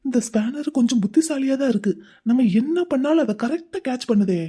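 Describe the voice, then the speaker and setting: A woman's voice: high voice, animated, fairly quick, warm tone, husky. Woman voicing a playful, caring younger brother. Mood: teasing. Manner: coaxing, teasing, chatty. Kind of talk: Tamil cartoon voice acting.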